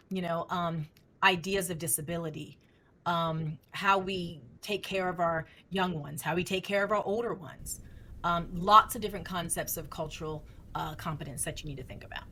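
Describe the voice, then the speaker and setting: A middle-aged woman researcher answering interview questions in an animated, emphatic way, often posing rhetorical questions. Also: lowish voice. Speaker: speech language researcher.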